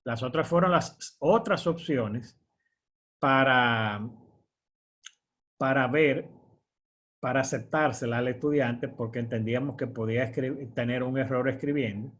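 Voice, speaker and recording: A man's voice: mid-range voice, a little slow, long pauses, fairly bright tone. A man, teaching an online course as a screen-share tutorial, explaining step by step with fillers and frequent "verdad?" checks.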